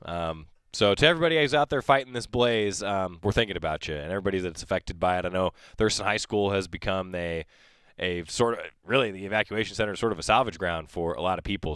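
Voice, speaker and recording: A man's voice: deep voice, expressive, fast, fairly bright tone, clear, resonant tone, no room sound. A man hosting a sports radio show in a studio, chatting casually with a rambling, joking manner. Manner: rambling, self-correcting, joking. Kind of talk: casual interview chat. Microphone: studio mic.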